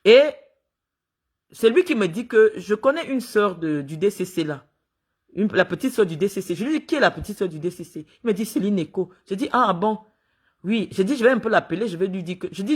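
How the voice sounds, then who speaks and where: A woman's voice: medium pitch, animated, fairly quick, husky. A woman from Cameroon, speaking in an indignant, emphatic monologue as she recounts events and acts out the dialogue. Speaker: sports official speaking out. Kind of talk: spoken monologue, recounting and accusing.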